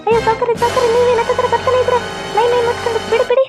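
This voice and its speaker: Young woman as a defiant village girl, north karnataka accent, very high and fast, dull lo-fi sound. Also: steady tone, a little mellow, soft background music. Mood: protesting. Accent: North Karnataka Kannada. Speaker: actor in a village skit. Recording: dull lo-fi audio.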